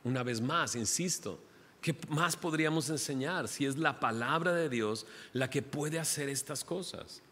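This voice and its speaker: A man preaching a sermon to a congregation, animated and joking with the listeners. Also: fairly high pitch, unhurried, breathy edge. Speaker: pastor. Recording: long hall reverb.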